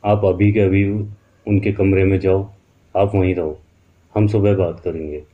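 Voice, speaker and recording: A man's voice: sits low, flat delivery, unhurried, phone-quality sound. A man voicing a young woman in her thirties, the second wife, who talks in an insistent, urging way.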